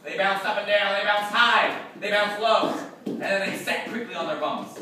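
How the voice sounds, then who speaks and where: A man narrating a children's class play in an expressive, drawn-out storytelling manner. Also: high-pitched. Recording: echoey room, voice from far off, faint hiss.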